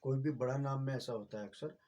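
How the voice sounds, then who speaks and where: A man's voice: mid-range voice, fast talker, dark tone. A man, patiently explaining a writing lesson as a teacher, with many fillers and repeated checks.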